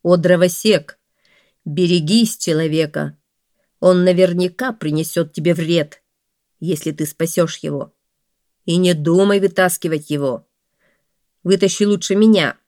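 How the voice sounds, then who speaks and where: A proud lion, king of the forest, speaking firm and loud with solemn promises, as a woman narrator puts him on. The voice is dry and close-miked. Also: lowish voice, measured pace, long pauses, no echo, natural voice.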